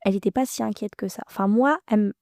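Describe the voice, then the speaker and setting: Podcast guest, woman in her 30s, mellow voice, halting, emotional telling, dry close sound. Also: mid-range voice, creaky, dry recording. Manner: halting, emotional, many restarts. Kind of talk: personal storytelling.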